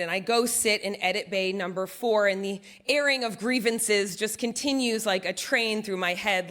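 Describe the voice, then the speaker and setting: A woman telling a personal story on stage in an animated, self-deprecating, conversational way. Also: medium pitch. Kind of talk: live first-person storytelling.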